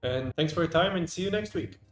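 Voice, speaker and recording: A man's voice: on the high side, expressive, brisk. Dry, joking man narrating a devlog. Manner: dry, self-deprecating humor. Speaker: game developer and channel host. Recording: roomy echo. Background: faint music.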